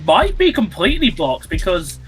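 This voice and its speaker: A man giving live esports commentary on a match, animated and rambling, full of fillers and restarts. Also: high-pitched, moderate pace, soft background music. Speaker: esports caster.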